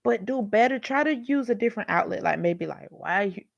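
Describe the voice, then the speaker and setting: A woman's voice: fairly high pitch, expressive, a little fast, gravelly, no room sound, lo-fi sound. A woman hosting a casual livestream Bible talk, speaking frankly and chattily, scolding listeners with humor and calling them y'all. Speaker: Bible study host.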